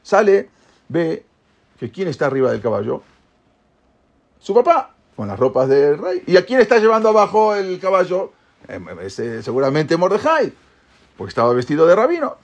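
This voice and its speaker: A man retelling a holiday story as a religious teacher, in a lively way, acting out the quoted lines and scattering in Hebrew terms. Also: a little high, moderate pace. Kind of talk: animated storytelling lesson.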